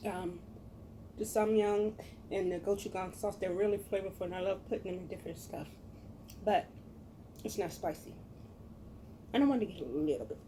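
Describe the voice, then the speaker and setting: A middle-aged American woman chatting casually to viewers as a cooking vlogger, with a folksy, expressive, emphatic manner. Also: mid-range voice, normal speed, pauses often, a little hiss or hum, poor audio.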